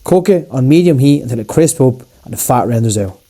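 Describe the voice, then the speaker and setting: Young Irish male cooking host, dark mellow voice, casual and blunt. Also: medium pitch, lively intonation, fairly quick. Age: young adult. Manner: casual, chatty and blunt with local slang. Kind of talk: scripted cooking voice-over.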